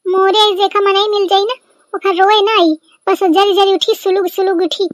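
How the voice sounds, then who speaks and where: Woman doing a sharp-tongued village sister-in-law. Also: very high-pitched, flat delivery, moderate pace. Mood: bickering.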